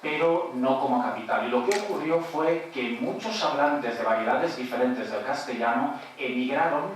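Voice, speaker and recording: Man, panelist, explaining at a conference, mid-pitch voice, far from the mic in a booming hall. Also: moderate pace. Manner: explanatory, tags points with "¿eh?" and "muy bien". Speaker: panelist at an academic round table. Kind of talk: conference presentation. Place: large auditorium. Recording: echoey hall picked up from far off, faint noise.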